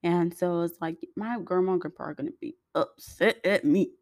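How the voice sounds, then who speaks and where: A woman's voice: lowish voice, normal speed, a little mellow, no room sound, clean studio sound. Chatty young woman telling a story. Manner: chatty, talks straight to viewers, many fillers. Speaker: vlogger. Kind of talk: storytime vlog.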